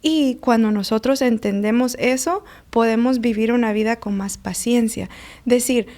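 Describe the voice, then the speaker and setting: A life coach and mother talks earnestly about emotions and raising children in a conversational interview, weaving in personal stories and acted-out quotes. Her voice is a little high with a darkish tone, at a moderate pace.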